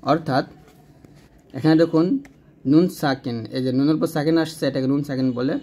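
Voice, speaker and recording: A man with a Bangladeshi Bengali accent giving a step-by-step tajweed lesson, spelling out letters and drilling each syllable slowly. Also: on the high side, fairly even intonation, warm tone. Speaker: Quran recitation teacher.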